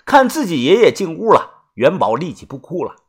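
Husky man telling a story aloud. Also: fairly high pitch, very animated. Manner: colloquial, lots of drawn-out filler particles. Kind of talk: first-person audiobook narration.

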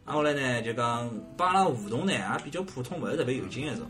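A man's voice: mid-range voice, quick pace, music in the background. A man with a Shanghainese accent hosting a podcast, chatting and telling stories in a joking way. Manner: lively, joking storyteller. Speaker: podcast host. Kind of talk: casual chat.

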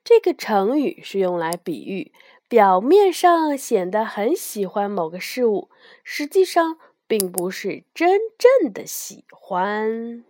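A woman telling a bedtime story to children in a slow, expressive way. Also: mid-range voice, dry recording, clean studio sound.

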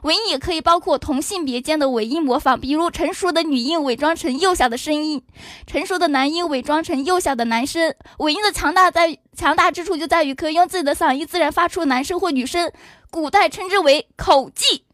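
A woman's voice: high voice, fairly quick, a bit bright, dry recording, clean studio sound. A woman debating over voice chat, laying out points in an explanatory, lecture-like manner. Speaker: debater, affirmative side. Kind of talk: online voice-room debate.

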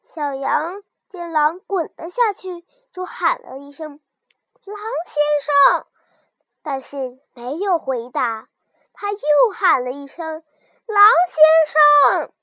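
Very high, slow gentle woman storyteller. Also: no room sound. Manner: soft, slow and gentle, talking to children. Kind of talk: children's bedtime story narration.

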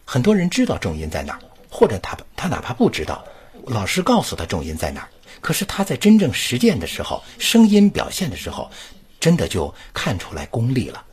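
A man's voice: huge pitch swings, brisk, a little mellow, breathy edge. A man teaching recitation over an online voice chat, reading lines aloud as examples and explaining where the stresses fall. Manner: demonstrates lines with wide pitch swings.

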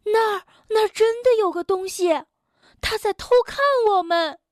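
A woman's voice: very high-pitched, moderate pace, no echo, studio quality, voice pushed up. A woman doing a timid little animal. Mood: nervous whisper. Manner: hushed, nervous, hesitant. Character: timid young male animal, nervous.

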